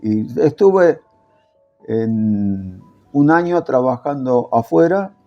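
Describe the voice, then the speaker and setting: An older Italian-born former factory worker recalls his working years in a casual interview, hesitating and using many fillers and restarts. His medium-pitched, mellow voice is expressive and unhurried. The sound is lo-fi, with faint music behind him.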